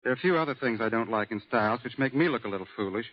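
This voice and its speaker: A guest expert on an old radio show, this man reads set answers in a calm, factual tone. He has a medium-pitched, expressive voice, captured on a dull broadcast recording.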